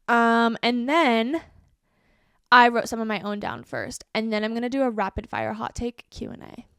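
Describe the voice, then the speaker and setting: A woman's voice: on the high side, normal speed, creaky, clean tone, no echo, clean studio sound. A woman in her twenties hosting a solo podcast, talking casually with lots of fillers. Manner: casual, animated, many fillers like "like" and "um". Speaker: podcast host.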